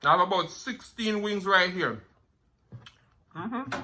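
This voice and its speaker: A man's voice: on the high side, animated, normal speed, sharp tone. A man with a Jamaican accent chatting casually as a mukbang host, eating crunchy fried chicken between savoring mms. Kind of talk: casual eating-show chat.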